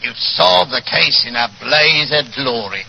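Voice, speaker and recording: Hearty police inspector, muffled old radio. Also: male voice, mid-range voice, expressive, slow, creaky, full character voice. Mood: jovial. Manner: hearty, chatty, respectful. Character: jovial police inspector, chuckling at own jokes. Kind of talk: 1940s radio acting. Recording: dull, hissy old 1940s radio recording.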